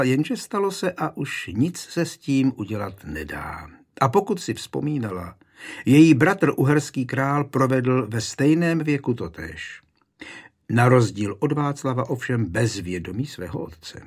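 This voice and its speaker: A man narrating a historical novel in a measured, storytelling manner. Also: medium pitch, animated, breathy edge. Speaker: audiobook narrator.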